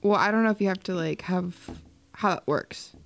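A woman's voice: fairly low pitch, moderate pace, vocal fry, soft background music. A woman co-hosting a podcast, chatting casually in an upbeat, teasing way. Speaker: podcast co-host. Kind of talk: casual chat.

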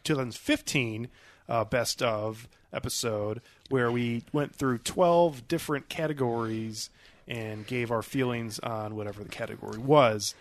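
Relaxed male podcast host. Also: medium pitch, measured pace, no room sound. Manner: relaxed, frequent filler words. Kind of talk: casual podcast chat.

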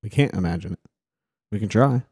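A man's voice: fairly low pitch, lively intonation, brisk, darkish tone, husky, no room sound, clean studio sound. A man, hosting a casual Bible study talk in an earnest, reflective way and acting out quotes. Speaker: podcast host.

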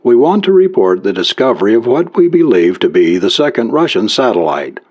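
A man's voice: mid-range voice, sing-song, a little fast, a little mellow, slightly rough. A man voicing a male yacht skipper, urgent and impatient on the radio. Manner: impatient, insistent. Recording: dull lo-fi recording.

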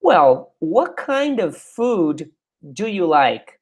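A friendly woman from a language-course dialogue, as a teacher reads her part. Her lines come slowly and carefully pronounced, in a slightly low voice. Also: expressive, heavily acted.

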